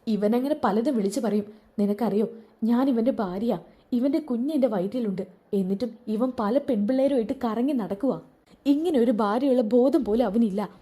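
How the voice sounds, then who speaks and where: A woman's voice: fairly high pitch, moderate pace, warm tone, natural voice. A woman voicing a pregnant young wife who answers her husband with hurt reproach. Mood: bitter. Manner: reproachful, pleading.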